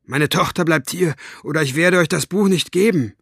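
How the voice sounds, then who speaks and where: A man voicing a tired father who speaks low and steady. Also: moderate pace, husky, dry recording, studio quality. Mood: firm. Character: tired father, calm but firm.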